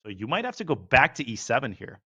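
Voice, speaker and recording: Bright, lively male chess commentator. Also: mid-range voice, slightly rough, dull audio. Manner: analytical, calls moves rapidly.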